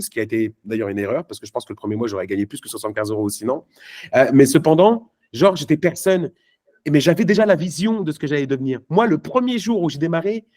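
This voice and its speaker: This man's voice is on the high side and a little mellow. Speaking live at a network marketing event, he delivers punchy, emphatic motivation to the crowd in a casual, slangy way, with many fillers and restarts.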